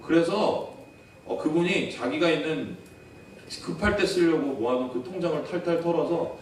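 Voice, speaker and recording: In a church sanctuary, a pastor in his thirties preaches an earnest, story-driven sermon, throwing rhetorical questions at the congregation. His voice is on the high side and moderately paced. He's picked up from far off in an echoey hall, with slight background noise.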